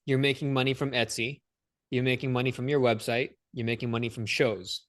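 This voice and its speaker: A man hosting a podcast in a relaxed, slangy way, with plenty of energy. His voice sits in an ordinary middle pitch. The sound is dry and close, with no room around it. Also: brisk, no room sound. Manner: energetic, slangy, says "dude" and "man" a lot. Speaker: podcast host. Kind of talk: casual interview chat.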